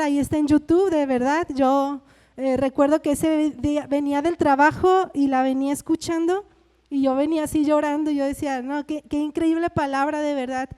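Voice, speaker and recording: A woman's voice: sits high, dark tone, long reverb tail. A woman with a Mexican Spanish accent preaching a sermon in a conversational way, often asking her listeners "¿verdad?".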